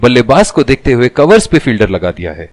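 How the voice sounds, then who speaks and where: A man giving excited cricket commentary as a commentator, exclamatory and full of admiration. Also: mid-range voice, fast, no room sound, clean studio sound.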